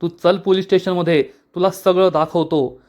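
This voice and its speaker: A man's voice: high-pitched, steady tone, moderate pace, a little mellow, lo-fi sound, natural voice. A man voicing an angry, bullying male police inspector who talks rudely and threatens. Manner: rude, threatening.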